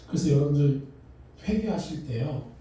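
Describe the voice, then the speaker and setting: Middle-aged pastor preaching to his congregation; mellow, slightly high voice heard from afar in a reverberant church hall. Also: moderate pace, a little hiss or hum. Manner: animated preaching, asks the congregation questions, acts out voices. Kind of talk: sermon. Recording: echoey hall, mic far off.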